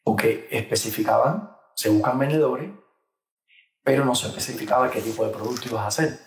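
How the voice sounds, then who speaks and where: A man's voice: mid-range voice, brisk, reverberant, low-quality recording. A middle-aged Cuban man being interviewed about his career, talking with many fillers and restarts. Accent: Cuban Spanish. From Cuba. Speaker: guest, insurance trainer. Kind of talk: interview conversation.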